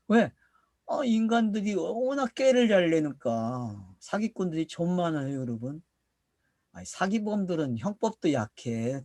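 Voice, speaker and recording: A man's voice: fairly high pitch, mellow, dry recording. Middle-aged korean pastor guy preaching, voice jumps up and down a lot, asks and answers himself, dry close sound. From South Korea. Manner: asks questions and answers them himself, drawn-out emphatic words. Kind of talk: sermon, Bible teaching to a congregation.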